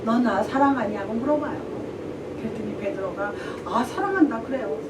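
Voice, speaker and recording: A woman pastor preaching a sermon, telling the story with animated quoted dialogue. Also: on the high side, normal speed. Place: church sanctuary. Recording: echoey church from a distant mic, with background noise.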